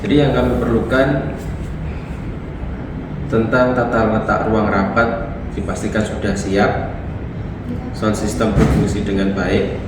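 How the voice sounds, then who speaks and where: A man's voice: lowish voice, lightly acted. A man playing a polite businessman customer in a scripted phone role-play. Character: polite businessman calling to book a meeting. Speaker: corporate customer. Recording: echoing noisy hall, far from mic.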